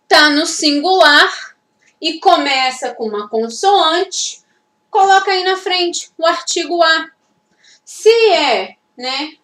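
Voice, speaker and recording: Brazilian woman teaching english grammar, high bright voice, echoey room, sounds a bit far from the mic. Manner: explains step by step, with frequent checking tags. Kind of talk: classroom-style grammar lesson.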